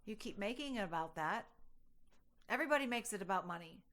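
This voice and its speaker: A woman's voice: mid-range voice, animated, fast, crowd noise. A woman co-hosting a podcast in casual chat, arguing bluntly and sounding exasperated. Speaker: podcast co-host.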